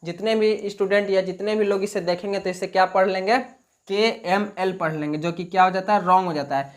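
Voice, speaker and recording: A man's voice: sits high, steady tone, fairly quick. A man teaching a basic spoken English lesson in Hindi, explaining step by step and answering his own questions. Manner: repetitive, plain classroom talk.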